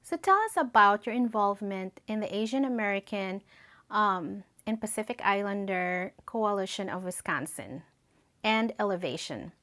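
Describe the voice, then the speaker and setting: A woman's voice: medium pitch, lively intonation, moderate pace, fairly bright tone. A woman hosting an interview show, introducing her guest in a formal, announcing way. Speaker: show host.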